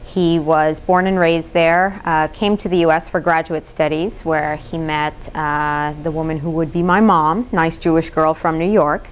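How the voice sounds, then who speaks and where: A woman's voice: low-pitched, steady tone, measured pace, few pauses, slight background noise. An American woman giving a public lecture with slides, slipping in dry, sarcastic asides. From United States. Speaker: speaker giving a public talk.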